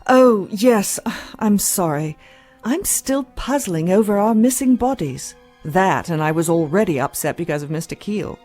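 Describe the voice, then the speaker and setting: A weary, skeptical woman doctor, voiced by an actress in a sci-fi audio drama. Her tone is soft-edged and dark, her delivery blunt and matter-of-fact, with faint music behind. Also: medium pitch, animated, unhurried. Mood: distracted, resentful.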